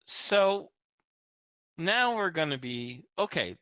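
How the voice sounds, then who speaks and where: A man's voice: a little high, very animated, slow pace, sharp tone, clear, resonant tone, no echo. A man acting as game master, narrating and refereeing a tabletop role-playing game in a conversational, explanatory way.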